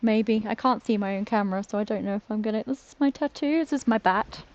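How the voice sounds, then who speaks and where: A woman's voice: medium pitch, fast talker, lo-fi sound. A British woman streaming a game, chatting casually, giggling and poking fun at herself as she trips over words. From Britain. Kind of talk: casual live-stream chat while playing.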